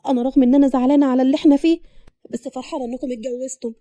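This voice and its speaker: A woman's voice: high-pitched, fairly even intonation, very fast, mellow, no room sound, lightly acted. A woman doing an earnest widowed bride. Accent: Upper Egyptian Arabic. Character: grieving young widowed bride.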